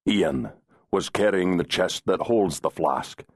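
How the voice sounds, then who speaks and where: A stern, proud Scottish laird, voiced by a man narrating an audiobook, with a Scottish accent and a clipped, restrained growl. His lowish voice stays tightly held. The recording is close and dry. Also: animated, slow, darkish tone, no room sound, full character voice. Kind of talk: audiobook character voice.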